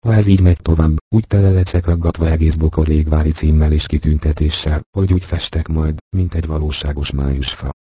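A man voicing a loyal, good-humoured soldier with a gruff, wry way of talking. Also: rumbling low, fairly even intonation, few pauses, mellow, dry recording.

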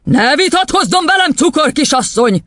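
A man's voice: extremely high pitch, lively intonation, a bit bright, no room sound, studio quality, voice pushed up. A man voicing a furious, tyrannical female headmistress in an audiobook, screaming and scornful. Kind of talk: audiobook character voice.

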